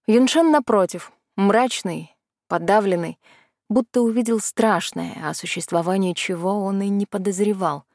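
Lady reading an audiobook, calm, mid pitch, dry close mic. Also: normal speed, no room sound. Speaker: audiobook narrator. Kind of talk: first-person audiobook narration.

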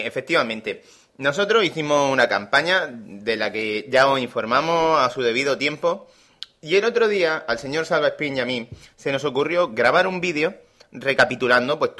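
A man with an accent from Spain talks on a casual podcast with a bright, forceful tone. He tells stories in an animated way and speaks bluntly. His pitch is ordinary for a man. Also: moderate pace. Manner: animated storyteller, blunt and frank. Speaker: podcast co-host.

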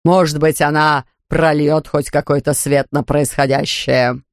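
A gruff slow judge, voiced by a reader. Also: mid-range voice, flat delivery, no echo, clean studio sound, pitched below the performer's own voice, close to an everyday voice. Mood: stern. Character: stern pompous older male judge.

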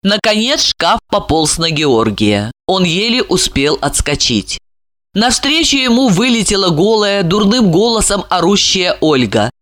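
Lively male audiobook narrator. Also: high voice, unhurried, no room sound.

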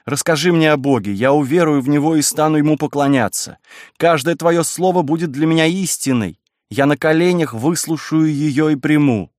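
A man voices a wild, passionate young woman in a dry room with no room sound, speaking higher than usual in a pleading, impassioned manner. His tone is a little mellow, the pace moderate and the acting light.

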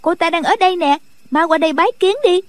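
A woman's voice: very high-pitched, fast talker, no room sound. Khúc Phi Yên, a cheeky young girl. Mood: teasing. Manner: playful and bossy. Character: mischievous teasing young girl.

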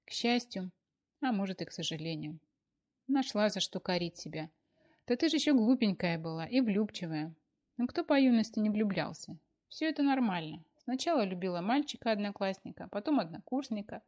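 A woman's voice: mid-range voice, lively intonation, normal speed, a little mellow, natural voice. A woman voicing a fussy, talkative older mother who pours out anxious questions, in an audiobook. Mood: soothing. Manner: breathless stream of anxious questions. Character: fussy chattering older mother, clucking and doting. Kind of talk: audiobook character voice.

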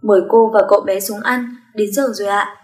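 A woman's voice: medium pitch, fairly even intonation, brisk, a little mellow, close to an everyday voice. A woman voicing a polite, deferential female housekeeper in a rich home. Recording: roomy echo.

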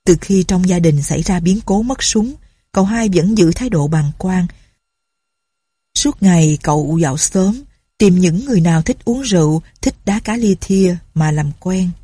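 A woman narrating a story in a calm, even reading voice. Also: fairly low pitch, moderate pace, husky, dry recording.

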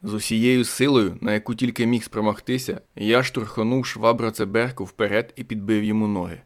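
A man's voice: on the low side, fairly even intonation, a little fast. A man narrating a first-person thriller audiobook with dramatic tension.

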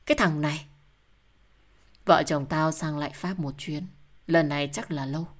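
A woman voicing a worried middle-aged husband and father who talks calmly and soothingly. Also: low-pitched, moderate pace. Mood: steady.

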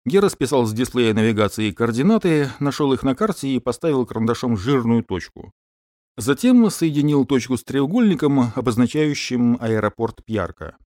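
A man narrating an audiobook, telling the story expressively and giving the characters lively voices. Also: mid-range voice, moderate pace, no echo, clean studio sound.

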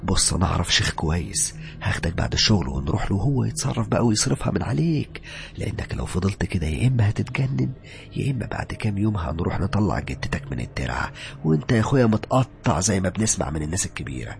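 A man voicing a joking, superstitious young male coworker with an Egyptian accent, loud and excitable. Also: low-pitched, very fast, gravelly, exaggerated voice. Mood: hushed, urgent. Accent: Egyptian Arabic.

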